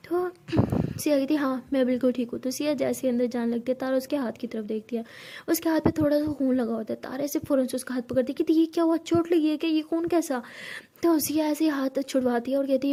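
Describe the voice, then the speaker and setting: A woman's voice: sits high, mellow. A woman narrating a story and voicing the characters' lines herself in a conversational way. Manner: conversational retelling with voiced lines. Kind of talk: narrated story with acted dialogue.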